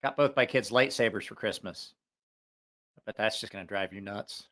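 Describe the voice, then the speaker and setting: A man's voice: lowish voice, normal speed, a bit bright. A man hosting a casual, rambling livestream about gear, profane and jokey, drifting off on tangents, a bit short of breath from allergies. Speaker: livestream host reviewing knives.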